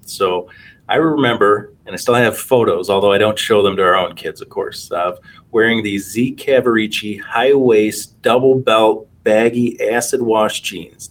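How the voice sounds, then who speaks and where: Male financial adviser, late 40s, conversational podcast guest, mid pitch, a little off-mic. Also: distant mic, rough recording. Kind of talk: conversational interview answers.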